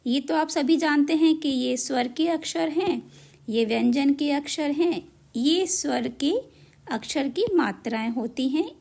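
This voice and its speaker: A woman teaching a children's lesson on letter marks, spelling out each syllable slowly and deliberately. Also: high voice, creaky, darkish tone, breathy edge. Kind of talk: Hindi matra lesson.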